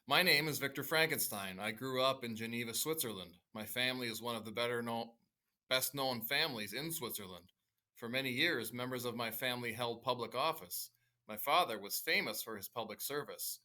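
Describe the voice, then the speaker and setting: A bright-toned young man recounting his family history, as a teacher reads him aloud. The voice is lifted and a touch louder than everyday talk, with a crisp, sharp edge. It is earnest storybook narration. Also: medium pitch, brisk. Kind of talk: reading a novel aloud to students.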